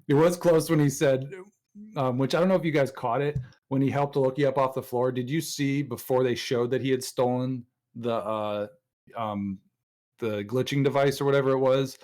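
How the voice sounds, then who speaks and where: A man co-hosting a podcast in casual chat, excitedly retelling scenes and jumping into quoted voices. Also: normal speed. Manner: excited, acts out scenes in jumpy high voices. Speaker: podcast co-host.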